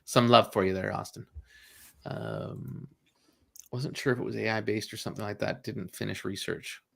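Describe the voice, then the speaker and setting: A low, gravelly man hosts a casual livestream. He rambles with lots of fillers and quick apologies, and he laughs easily. His voice sits deep and crackles with fry throughout. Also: steady tone, a bit bright. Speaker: livestream host.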